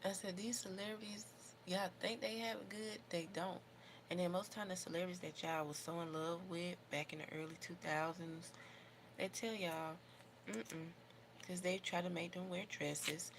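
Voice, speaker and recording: An American woman hosts a casual livestream in a fairly low voice with plenty of fry. She talks informally, rambling from thought to thought and giving her opinions freely. There is some noise in the recording behind her. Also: fairly even intonation, normal speed. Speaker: livestream host doing her makeup. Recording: noticeable background noise.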